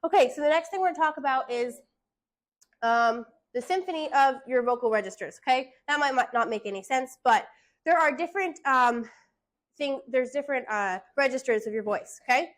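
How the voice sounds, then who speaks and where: A female voice teacher leads a class in singing, shushing the students and asking "okay?" after almost every point. Her voice sits high and she moves along fairly quickly.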